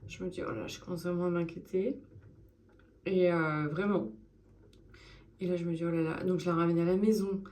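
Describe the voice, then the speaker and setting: Casual vlogger, woman in her thirties, chatty and expressive, lowish voice. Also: moderate pace, pauses often. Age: 30s. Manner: chatty and expressive, with frequent fillers. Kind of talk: casual vlog chat.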